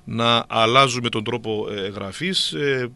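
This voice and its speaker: A man's voice: mid-range voice, creaky, bright, forceful tone. A middle-aged man explaining at length to a co-host, with many hesitant fillers. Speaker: guest.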